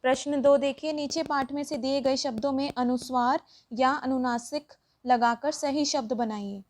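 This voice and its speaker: A woman's voice: high-pitched, steady tone, normal speed, a little mellow. A woman teacher explaining a worksheet lesson to children, patient and step by step.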